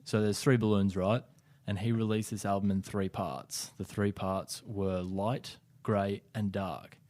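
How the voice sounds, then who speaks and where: Mellow, low-voiced man co-hosting a podcast. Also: fairly even intonation, no echo. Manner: lays out his own theories at length, unhurried. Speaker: podcast co-host. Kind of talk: casual podcast chat.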